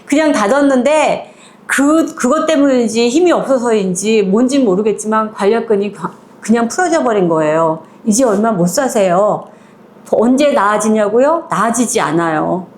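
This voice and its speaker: A woman's voice: a little high, lively intonation, normal speed, darkish tone. A woman retelling a short story in a conversational, chatty way, moving between polite and casual speech and acting out the quoted lines. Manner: acts out quoted lines in small voices.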